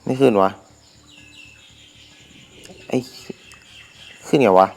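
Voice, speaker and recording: A young man with a sore throat hosting his gaming channel, commenting casually and crudely as he plays, often talking to himself. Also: drawn-out words. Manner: crude, excitable, talks to himself while playing. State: sore throat, can't shout.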